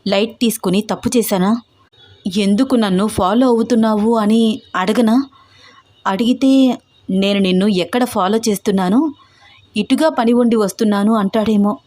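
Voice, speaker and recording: A woman voicing a headstrong young female student who talks in an irritated, sharp way. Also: mid-range voice, normal speed, long pauses, close to an everyday voice.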